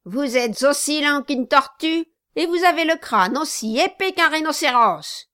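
A bullying male dwarf barks and sneers in a raised, high-set voice, as a woman reader puts him on. He is domineering and scheming, in a dry, close storybook recording. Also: lively intonation, slow, smooth, dry recording. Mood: scornful. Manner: loud, mocking, bullying. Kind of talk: audiobook character reading.

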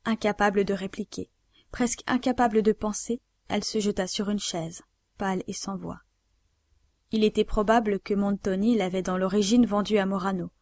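A woman narrating a novel aloud in a measured, even way. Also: medium pitch, no room sound, clean studio sound. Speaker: audiobook narrator.

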